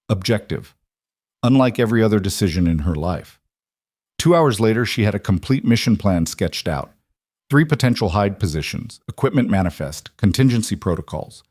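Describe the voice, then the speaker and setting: A man narrating a scripted story in a measured, terse, deadpan manner. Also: lowish voice, no room sound, studio quality.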